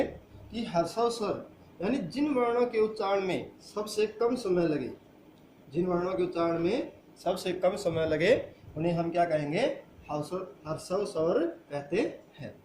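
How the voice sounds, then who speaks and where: A man's voice: high-pitched, darkish tone, roomy sound, slight background noise. A man teaching a grammar lesson who asks the class questions and answers them himself. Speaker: school teacher.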